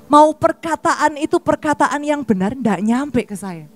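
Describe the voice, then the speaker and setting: A woman preacher delivers a sermon. She speaks a little above the usual pitch and brings her story to life by acting it out. Faint music plays under her voice. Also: lively intonation, a little slow.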